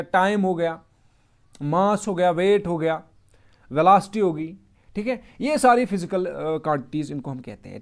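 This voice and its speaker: A male mathematics lecturer in his thirties with a fairly high-pitched voice. He teaches in a chatty, repetitive way, stopping often to check that students follow. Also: darkish tone. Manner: conversational, repeats points and checks understanding. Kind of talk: classroom lecture.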